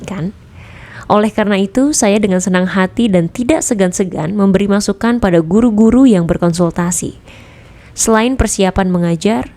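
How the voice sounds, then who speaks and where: Mellow-voiced woman reading a book. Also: mid-range voice. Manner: even, measured reading of a nonfiction book. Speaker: audiobook narrator. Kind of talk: scripted narration.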